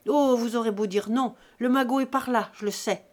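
A woman voicing a furious, greedy grown peasant son who shouts accusations at his aged parents. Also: medium pitch, expressive, unhurried, slightly rough, exaggerated voice. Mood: raging.

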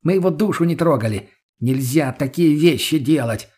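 A jittery young junkie, stubborn and quick to swear and flare up, played by a male narrator. The voice is pitched a little high and sounds husky. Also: darkish tone. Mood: protesting. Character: nervous foul-mouthed young drug addict man, stubborn.

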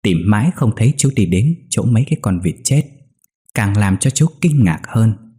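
Low, husky male ghost-story narrator. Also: moderate pace. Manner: steady, suspenseful storytelling. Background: faint music.

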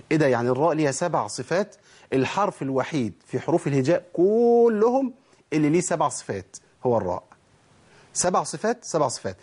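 A man with an Egyptian accent teaching a tajweed lesson, quizzing his listeners with quick rhetorical questions. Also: medium pitch, darkish tone, slightly rough. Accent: Egyptian Arabic. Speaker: Quran recitation teacher.

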